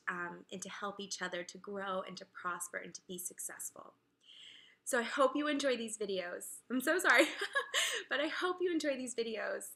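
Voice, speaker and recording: A woman's voice: medium pitch, creaky, fairly bright tone. A woman fitness coach in her thirties talking to camera in a chatty, emotional way, sharing her own story with many fillers. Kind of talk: heartfelt personal talk to camera.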